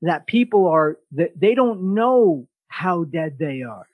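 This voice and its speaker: A man hosting a podcast, giving an energetic motivational talk and often restarting his sentences. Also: a little high, slow pace, no room sound, phone-quality sound. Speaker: podcast host.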